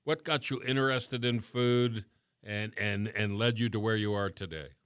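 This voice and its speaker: A chatty middle-aged man hosting a radio show, his voice bright and forward. He talks casually and lets sentences fade at the ends. The sound is close and dry. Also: lowish voice, normal speed, smooth, no echo. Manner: chatty, relaxed, trailing off at phrase ends. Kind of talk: casual radio talk and interview.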